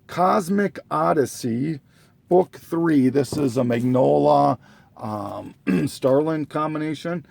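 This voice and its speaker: A man slowly listing items from his collection in a casual, halting way, full of ums and self-corrections, clearing his throat as he loses his voice. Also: a little high, expressive, darkish tone, dry recording. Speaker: comic collector listing trades. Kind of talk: casual show-and-tell listing.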